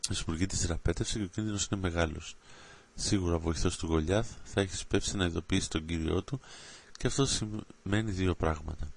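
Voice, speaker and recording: Man, very deep voice, storybook narration, steady and dramatic. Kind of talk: reading a children's adventure story aloud.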